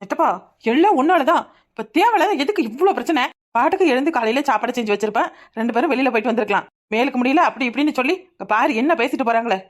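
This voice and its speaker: Cartoon young wife voiced by a woman, sulky and sharp-tongued, Kanyakumari Tamil accent, high voice, rapid talk. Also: expressive. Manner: sulky, retorting.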